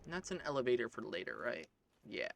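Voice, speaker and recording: A man's voice: mid-range voice, sing-song, fast talker, gravelly, a bit bright, slight background noise. A man chatting casually while playing a video game with a friend, easygoing and agreeable. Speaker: gaming co-host.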